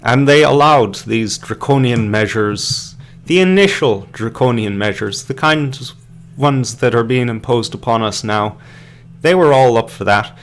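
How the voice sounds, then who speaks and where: An Irish podcast host runs a live stream, rambling through hesitant casual commentary full of fillers and restarts while sipping beer. His voice is medium-pitched and a little slow.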